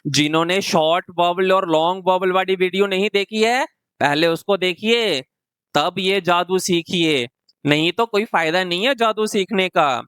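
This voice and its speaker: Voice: medium pitch, fairly bright tone, smooth, no echo. Patient phonics teacher, dry close recording. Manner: slow, question-and-answer explaining. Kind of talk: classroom phonics lesson.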